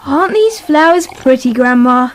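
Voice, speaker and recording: A woman's voice: high-pitched, lively intonation, moderate pace. A British woman playing a prim, cheeky little girl in a comic radio play, with stagey sweetness. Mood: chatty.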